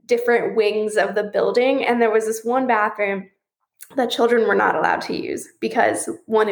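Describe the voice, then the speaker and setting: A woman's voice: a little high, reverberant. A woman in her twenties, a podcast guest telling frank, casual stories full of filler words and swearing, over a video call. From St. Louis area. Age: 20s. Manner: candid storyteller, swears freely, many "like" fillers. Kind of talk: casual chat.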